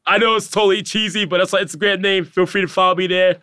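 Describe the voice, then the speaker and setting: A man's voice: sits high, fairly even intonation, fast talker, pushed and bright, clear, resonant tone, no echo, studio quality. A young man in his twenties, a podcast guest in casual chat, earnest and upbeat with many fillers.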